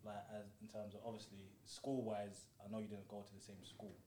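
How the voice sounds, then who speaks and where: A man's voice: fairly low pitch, flat delivery, brisk, warm tone, husky. A young man with a multicultural London accent, casually interviewing as a podcast host in informal slang. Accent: London, multicultural London English.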